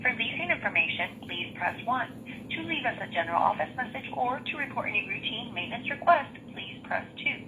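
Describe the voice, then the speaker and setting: A woman's voice: a little high, animated, noisy background. Woman's answering machine greeting over phone. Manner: measured, formal phone menu delivery. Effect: recorded answering machine greeting heard over a phone line. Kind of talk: scripted phone menu recording.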